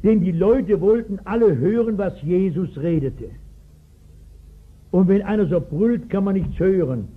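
Man in his 60s, pastor, storytelling sermon, emphatic, high-pitched, tinny lo-fi 1960s recording. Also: unhurried, breathy edge. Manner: storytelling, emphatic, asks the audience.

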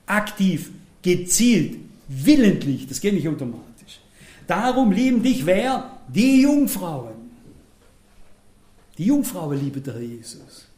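Blunt, self-mocking male preacher, high voice, roomy hall sound. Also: very animated, slow pace. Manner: blunt, self-mocking, shifts between loud emphatic lines and quiet asides. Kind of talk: sermon.

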